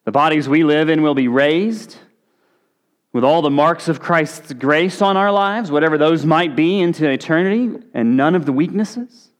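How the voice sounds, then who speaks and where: A man's voice: on the high side, normal speed. A man preaching a conversational sermon, now and then acting out short quotes. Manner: conversational, with brief acted-out quotes. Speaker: pastor.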